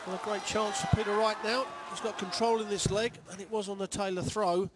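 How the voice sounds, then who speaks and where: A male co-commentator with a high-pitched voice analyses live darts. His delivery is conversational. There is clear venue noise behind him. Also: flat delivery, a little fast.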